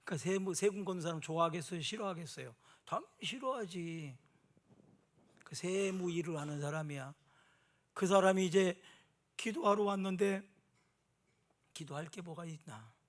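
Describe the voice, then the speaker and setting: High-voiced man preaching conversationally. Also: normal speed, long pauses. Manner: conversational, asks the congregation questions. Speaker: pastor. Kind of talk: sermon.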